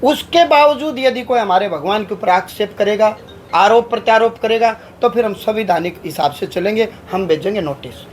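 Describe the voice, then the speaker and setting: A man's voice: sits high, lively intonation, normal speed, slight background noise, low-quality recording. Declaiming religious man in a press talk. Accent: Haryanvi Hindi. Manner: declamatory, rhetorical lists. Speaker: religious leader. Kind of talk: press statement.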